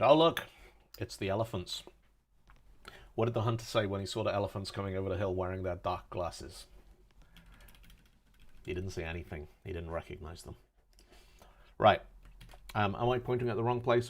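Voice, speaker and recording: A man in his forties with a fairly low voice, running a casual live-coding stream. He mutters through his debugging, reads out chat, and slips in dad jokes as he works. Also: fairly even intonation, normal speed, pauses often. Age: 40s. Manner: thinks aloud while debugging, drops dad jokes.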